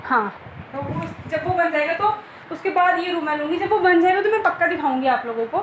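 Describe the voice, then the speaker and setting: Young woman vlogger, high voice, chatty tour of her home, echoey room. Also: brisk, a little hiss or hum. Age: young adult. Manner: chatty, joking, addresses viewers directly. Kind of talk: casual home tour chat. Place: rooms of a home, indoors.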